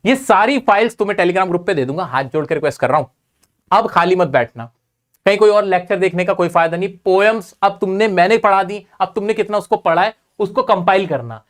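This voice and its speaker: A man's voice: high-pitched, a little fast. Give me a male teacher, repeating himself and quizzing students in a lecture. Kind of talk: exam-prep class lecture.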